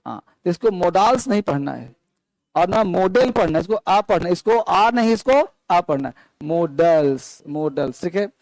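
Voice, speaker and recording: A male teacher with a high-pitched voice lectures a classroom, quizzing the children as he explains. The sound is close and dry, with no room echo. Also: animated, moderate pace. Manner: addresses students as children, asks the class questions. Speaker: English teacher. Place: classroom with students, also streamed online.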